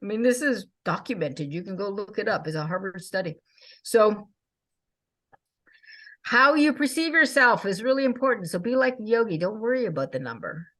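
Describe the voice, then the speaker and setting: A woman in her sixties hosting a casual chat, talking with bright enthusiasm and frequent laughs. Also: mid-range voice, animated, normal speed. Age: 60s. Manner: enthusiastic, chatty, laughs often.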